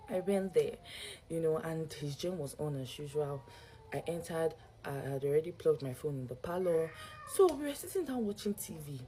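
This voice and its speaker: Young nigerian woman doing storytime vlog, low-ish mellow voice, faint hum behind. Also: rough recording. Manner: animated retelling with quoted exchanges, some Pidgin. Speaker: vlogger. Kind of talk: casual storytelling to camera.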